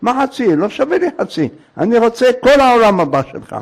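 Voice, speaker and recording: A shrewd street peddler hawks his cures and drives a hard bargain, voiced by a storyteller. His voice is high and gravelly. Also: sing-song, full character voice. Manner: hawking, bargaining.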